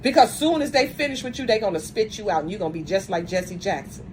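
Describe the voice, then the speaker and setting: She speaks at a fast clip with lively intonation in a mid-range voice, against a noisy background. A video commentator, she rants angrily and bluntly straight to the camera, confrontational, often stumbling and restarting mid-sentence, and says she has a strong voice.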